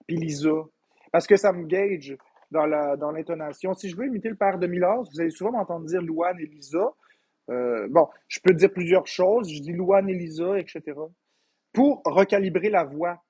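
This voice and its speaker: Brief: slightly husky Québécois male impressionist, casual, self-deprecating. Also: a little high, normal speed, dark tone, dry recording. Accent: Québécois French. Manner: chatty, self-mocking, stumbling restarts. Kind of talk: casual explanation to camera.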